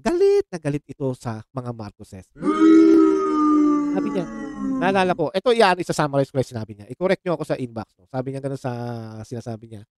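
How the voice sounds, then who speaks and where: Heated and sarcastic, this vlogger from the Philippines riffs on politics for his audience, whom he addresses as "mga chong," while sprinkling English exclamations throughout. His pitch is fairly high and the recording has no echo.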